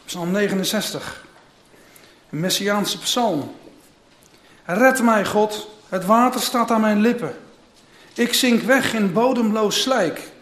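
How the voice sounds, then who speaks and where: A man's voice: sits high, slow, long pauses, a bit bright. A man preaching, reading a scripture passage aloud and giving dramatic voice to the speakers in it, then starting his sermon. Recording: echoey room.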